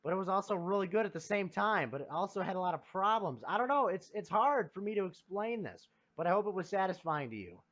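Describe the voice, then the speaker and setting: A man's voice: sits high, very animated, fast talker, hardly any pauses, fairly bright tone, muffled recording. A young man giving an opinionated game review as a video creator, with emphatic, dramatic delivery.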